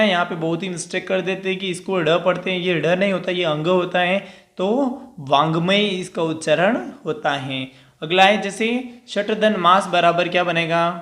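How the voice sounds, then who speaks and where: A man's voice: high voice, fairly bright tone, reverberant. A male teacher giving a grammar lesson, explaining step by step and answering his own questions.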